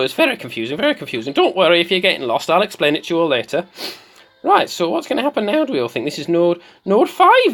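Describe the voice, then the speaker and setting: Someone puts on a comic voice as a slightly mad, excitable woman giving theatrical video game commentary, with an excitable, curious mood. The voice is mid-range, and the delivery repeats phrases for effect and swoops between squeals and murmurs.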